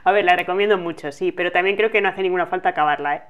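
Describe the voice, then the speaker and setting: A woman's voice: lowish voice, racing, clear, resonant tone, narrow, tinny audio. Candid Spanish woman reviewing a book. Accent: Spain Spanish. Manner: candid, laughs easily. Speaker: book channel co-host.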